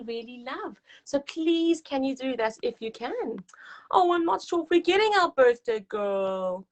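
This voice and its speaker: A woman with a fairly high, somewhat bright voice hosts a live story time, reading and chatting with young children. She sounds encouraging and gushing, with a sing-song lilt.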